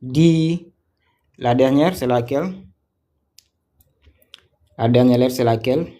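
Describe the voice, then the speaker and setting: Slow, patient man teaching word by word. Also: medium pitch, warm tone. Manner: slow, patient, repeats syllables and words for students; asks students questions and praises answers. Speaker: Quran reading teacher. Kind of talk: live online reading lesson.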